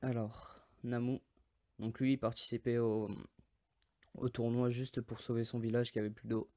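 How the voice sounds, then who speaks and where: A man's voice: mid-range voice, flat delivery, moderate pace, mellow. A French man casually presenting mobile game characters, rambling with many hesitations and often forgetting names. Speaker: mobile game video host.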